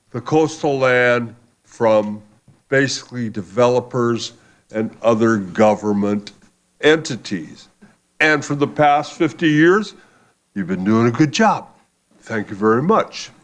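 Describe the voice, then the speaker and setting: A man's voice: medium pitch, animated, takes it slowly, pauses often. A man giving public comment at a hearing in a folksy manner, drawing out and stressing his words.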